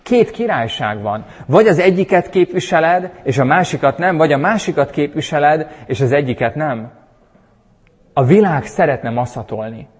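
A man preaching a sermon and leading a prayer, emphatic and animated, with sudden loud bursts. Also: medium pitch. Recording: husky voice in a long-reverb hall.

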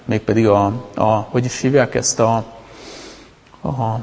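Male preacher, conversational sermon delivery, gravelly texture, long hall reverb. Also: lowish voice, steady tone, a little mellow. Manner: conversational, with many restarts and fillers. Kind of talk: informal sermon talk.

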